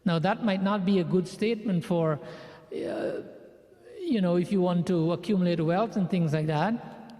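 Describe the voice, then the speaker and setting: A man's voice: high voice, mellow. A man leading a prayer session, giving an earnest spiritual sermon and repeating phrases for emphasis. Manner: measured delivery, building lists of phrases. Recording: long hall reverb.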